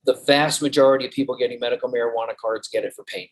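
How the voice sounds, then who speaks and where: A man's voice: medium pitch, steady tone, rapid-fire, poor audio. A man, a physician guest in an interview, speaking steadily and listing figures methodically. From Colorado.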